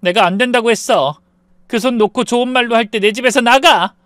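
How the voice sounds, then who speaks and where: A man voicing an indignant young wife who shouts accusations at her husband in a story narration. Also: medium pitch, lively intonation, fairly quick, dry recording, studio quality, pitched above the performer's own voice, natural voice. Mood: defiant.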